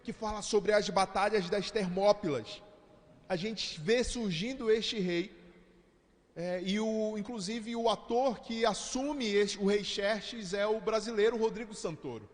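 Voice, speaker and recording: A man's voice: high-pitched, measured pace, big-room sound. A man with a Brazilian Portuguese accent, preaching a sermon as pastor in a conversational way, speaking straight to his listeners.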